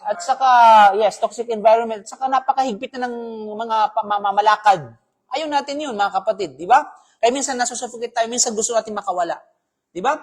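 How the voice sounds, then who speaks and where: A man's voice: very high voice, quick pace. A man giving a live Islamic talk as a preacher, speaking conversationally, often checking with the audience and mixing in English phrases. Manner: conversational, keeps asking "di ba?", mixes in English phrases.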